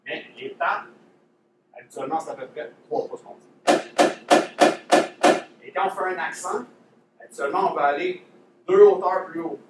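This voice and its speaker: A man's voice: fairly high pitch, moderate pace, long pauses. A man with a Quebec French accent teaching a drumline technique workshop in a casual, demonstrative way, repeating key points. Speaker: drumline instructor. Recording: echoey room, mic far off, noisy.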